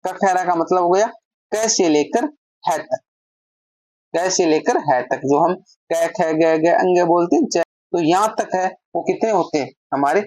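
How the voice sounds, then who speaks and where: A woman's voice: fairly low pitch, unhurried, a little mellow, no room sound. A woman teaching a grammar lesson, explaining step by step and answering her own questions.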